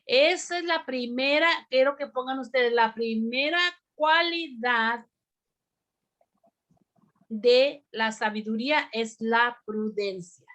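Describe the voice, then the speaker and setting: A woman teaching a bible lesson to a women's group, speaking deliberately and often pausing on "amén" to ask her listeners questions. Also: on the high side, a bit bright.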